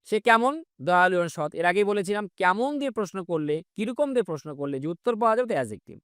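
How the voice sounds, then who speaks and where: A male teacher with a Bengali accent walks learners through simple English sentences. He stretches each model sentence out slowly, then hurries through the explanation. His voice sits high and swoops up and down a lot. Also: lively intonation, a bit bright, clean tone, dry recording, clean studio sound. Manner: slow, drawn-out English model sentences between quick explanations.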